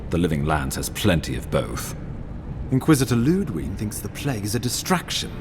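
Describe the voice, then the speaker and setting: Deep-voiced, expressive imperial ambassador. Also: male voice, noisy background. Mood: grave, measured. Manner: formal, theatrical, measured diplomatic phrasing. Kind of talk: video game dialogue acting.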